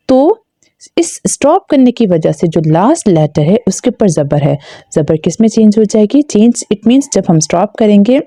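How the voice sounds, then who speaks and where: A woman teaching recitation, dragging out each syllable before switching to quick explanations sprinkled with English. Her voice is mellow and warm, never bright. It sounds dry and close, with no room around it. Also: fairly low pitch, no room sound. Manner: spells syllables slowly and stretches them, then explains quickly. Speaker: Quran reading teacher. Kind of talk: spelled-out recitation lesson.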